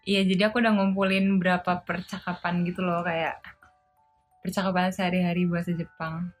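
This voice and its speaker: A woman's voice: fairly low pitch, little pitch movement, fairly quick, faint music behind. Playful woman chatting on a live stream. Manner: playful, laughs often, reads viewer comments aloud; tries out simple Japanese phrases. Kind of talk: casual live stream chat.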